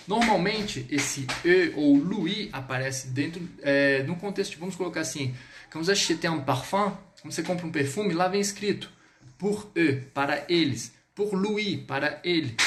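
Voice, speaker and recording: Lively Brazilian man teaching French. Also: a little high, slight background noise. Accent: Brazilian Portuguese. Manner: lively, drills words slowly, switches between two languages. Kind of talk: online language lesson.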